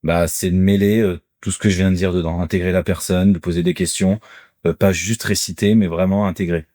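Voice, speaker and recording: A man with a deep, mature-sounding voice, a podcast guest and salesman chatting casually and acting out sales pitches with lively energy. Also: a little fast, no echo, studio quality. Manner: animated, lively storyteller who acts out sales pitches. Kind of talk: casual conversational interview.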